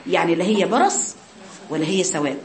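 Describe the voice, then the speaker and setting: A woman's voice: fairly low pitch, expressive, fairly quick, a little mellow, roomy sound, a little hiss or hum. An Egyptian woman teaching a Quran recitation lesson, speaking to her girl students and demonstrating the sounds herself. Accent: Egyptian Arabic.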